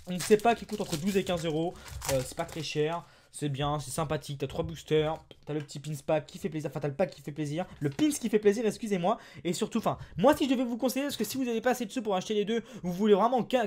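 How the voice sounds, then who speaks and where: A man with a French accent narrates his card openings in a lively, sing-song voice that swoops up and down. He chats to viewers casually, bursting into excited exclamations over good pulls. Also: sits high. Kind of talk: casual unboxing chat.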